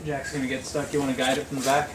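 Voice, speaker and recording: A man's voice: medium pitch, flat delivery, very fast. A man chatting casually as a helper on a car job, with frat-bro slang and swearing. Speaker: friend helping on the car. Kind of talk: casual chat. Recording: noisy on-location sound with ambience.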